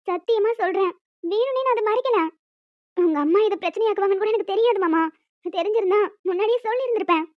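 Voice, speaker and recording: A woman voices a clingy young village wife in a Tamil audio romance drama, high and girlish, pleading and chattering nonstop in a defensive mood. The recording is dry and a little dull, with no room sound around the voice.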